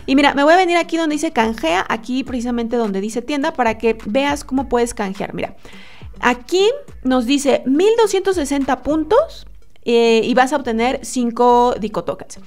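A woman in her thirties who vlogs about making money online talks in a high voice at a normal pace. Sitting at a desk indoors, she walks webcam viewers through websites in a casual screen-share tutorial, chatty and animated, with many fillers and restarts.

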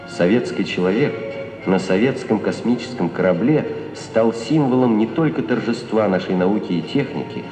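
A man reading scripted, lofty narration for an old documentary film. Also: on the low side. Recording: echoey old film soundtrack, long reverb. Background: music.

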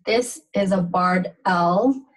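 A woman teaching a pronunciation lesson, speaking slowly and carefully and repeating each sound and word. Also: on the low side, distant mic, a little hiss or hum, rough recording. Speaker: language teacher.

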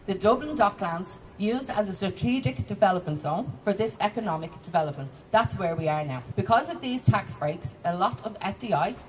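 A woman giving a steady, informative talk to a crowd outdoors. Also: mid-range voice, normal speed, few pauses, slight background noise. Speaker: tour speaker. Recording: distant outdoor recording.

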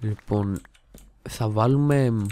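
A man's voice: on the low side, warm tone, slight background noise. Rambling young man humming while gaming. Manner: rambling, jokey, hums and mutters while building. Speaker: gaming channel host. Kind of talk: casual let's-play commentary. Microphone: desktop studio mic.

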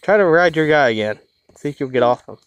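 A man hosting a gaming channel, giving casual co-op play commentary with goofy, excitable chatter and crude jokes. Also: fairly high pitch, quick pace, clear, resonant tone, no echo.

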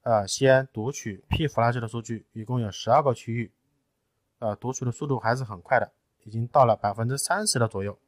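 A man in a technical tutorial, explaining each step patiently and often pausing with fillers. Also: medium pitch, dry recording. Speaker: tutorial presenter. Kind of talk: screen-recorded technical tutorial.

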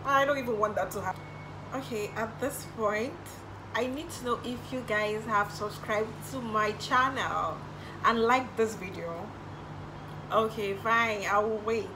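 Speaking a little high and a little slow, this young Nigerian-accented YouTuber, whose first language is Igbo, breezes through get-to-know-me questions with small laughs. The camera sits in front of her at desk distance indoors in her bedroom, and background noise is present.

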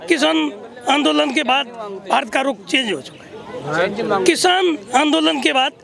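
High, gravelly older man, blunt. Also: animated, measured pace, a crowd in the background. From Barmer, Rajasthan, India. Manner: blunt, heated political criticism. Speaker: interviewee. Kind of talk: street interview. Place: outdoors at a busy monument plaza. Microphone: handheld mic held by interviewer.

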